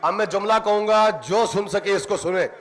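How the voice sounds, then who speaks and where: A man preaching a mourning sermon, impassioned and speaking directly to the congregation in a religious center hall. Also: high voice.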